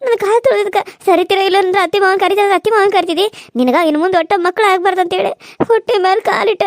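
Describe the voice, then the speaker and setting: A woman's voice: extremely high pitch, very fast, dry recording, clean studio sound. A woman voicing a meek young daughter-in-law in a cartoon serial, pleading and tearful. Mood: complaining.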